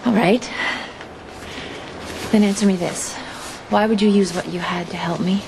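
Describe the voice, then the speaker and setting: A woman's voice: mid-range voice, fairly even intonation, unhurried, creaky, background noise. An actress playing a sardonic young woman in a soap opera who probes and pushes the people around her. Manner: sardonic, probing. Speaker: granddaughter.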